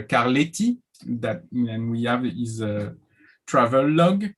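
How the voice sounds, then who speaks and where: Male academic panelist, French accent, hesitant delivery with frequent pauses. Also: medium pitch, rough recording. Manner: halting, many filler sounds and restarts. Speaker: panel speaker. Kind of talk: academic conference talk.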